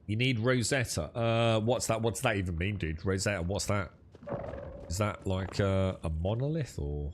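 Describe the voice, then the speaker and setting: Streaming games and talking casually with his friends, a young man comes across as blunt, dismissive and full of swearing. He speaks on the low side at a moderate pace, over a slight hiss or hum.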